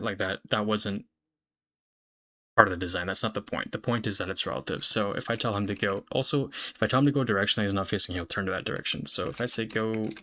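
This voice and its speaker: A young man with a lowish, gravelly voice and a bright, forward edge talks through a demo of his own software. His delivery is relaxed and chatty, full of fillers and quick self-corrections, like someone showing a project off to friends. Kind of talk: casual screen-recorded software demo.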